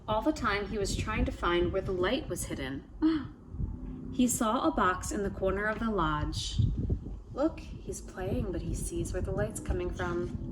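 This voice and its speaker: A woman with a mid-pitched voice tells a trickster tale from a picture book. She reads it as a storyteller to young listeners, pausing to ask questions and wonder aloud. A faint ambient noise sits behind her voice. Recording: steady background ambient noise.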